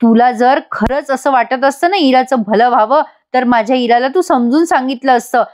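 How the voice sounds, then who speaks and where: A woman's voice: sits high, normal speed, a little mellow, close to an everyday voice. A woman voicing an outspoken woman who lectures and scolds her sister-in-law, as a dramatic reading of serial dialogue. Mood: reproachful. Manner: reproachful, lecturing.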